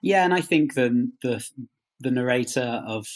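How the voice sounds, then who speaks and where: A man with an animated, medium-pitched voice answers interview questions as a writer. He's thoughtful and hesitant, with halting phrasing and many trailing rephrasings as he goes.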